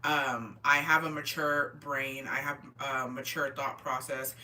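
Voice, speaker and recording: Her voice is deep, almost bass, with a steady, unhurried delivery that still sounds pushed and bright. She's a tipsy woman in her 20s on a casual livestream, reading and answering comments in slang with swearing and Spanish words. She's far from the mic amid slight background noise.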